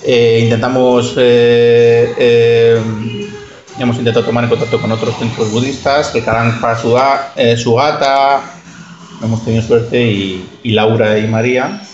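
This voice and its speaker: A man from hosting an informal interview, halting and repeating phrases as he introduces his guests. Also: medium pitch, flat delivery. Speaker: radio show host. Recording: echoey, muffled, loud music behind.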